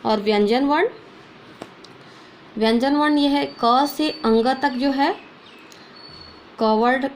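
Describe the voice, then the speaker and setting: A woman teaches a class lesson in a voice that sits a little high. She asks questions and then answers them herself, often mixing in English words. A faint ambient hum sits behind her. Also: slow, long pauses. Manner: mixes English words into speech.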